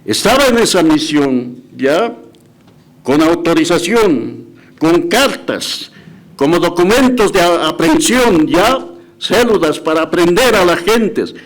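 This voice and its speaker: Speaking slowly in a very animated voice on the high side, a male pastor recounts scripture with emphatic rises and dramatic quoted voices, restarting and self-correcting frequently.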